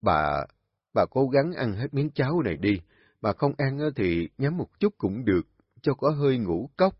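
An elderly husband who coaxes his sick wife gently and patiently, voiced by a male narrator. The voice is a little husky and dry, in a dull recording. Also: mid-range voice, very animated, moderate pace, dry recording. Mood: coaxing. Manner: coaxing, gentle.

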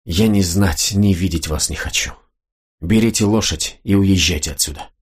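A man's voice: deep voice, normal speed, husky. A man reading a stern young noblewoman. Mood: cold.

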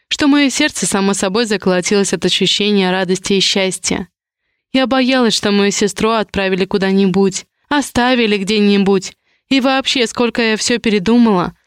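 Woman narrator, audiobook, first person, expressive measured reading, smooth clear voice, dry close sound. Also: medium pitch, no echo.

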